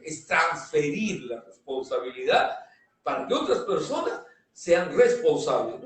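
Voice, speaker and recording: A man instructs through a personal anecdote, quoting dialogue and asking rhetorical questions. His voice sits a little high. The mic is far off in a strongly echoing room. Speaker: course instructor. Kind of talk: storytelling lesson. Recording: echoey room, distant mic.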